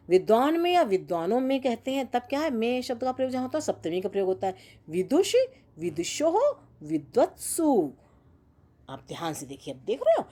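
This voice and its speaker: Lively, mellow-voiced woman teaching grammar. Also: on the high side. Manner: slow, careful chanting of word forms with lively stress. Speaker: Sanskrit teacher. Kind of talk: grammar lesson.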